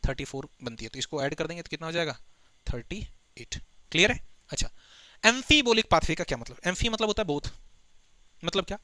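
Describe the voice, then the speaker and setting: A man teaching biology for an exam, explaining step by step, asking students quick questions and mixing in read-out English textbook lines. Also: sits high, sharp tone, smooth, dry recording. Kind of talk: exam-prep lecture.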